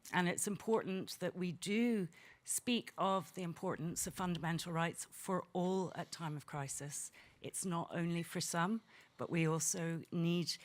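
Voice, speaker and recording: A woman from Belfast, giving measured conference remarks from the floor, with frequent ums and uhs. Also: fairly low pitch. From Belfast, Northern Ireland. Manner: measured, with frequent 'um' and 'uh' fillers. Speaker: head of a human rights network, speaking from the floor.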